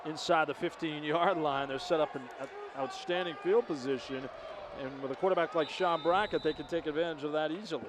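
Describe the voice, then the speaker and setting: A man analyzing arena football plays as a color commentator, measured and explanatory. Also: on the high side, noisy background. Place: indoor arena broadcast booth.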